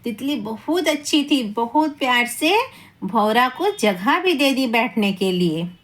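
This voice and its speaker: A woman telling a children's moral story in a high voice and at a very slow, deliberate pace. She keeps repeating each line and quizzing her young listeners, the way a patient teacher reads to small kids. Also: animated.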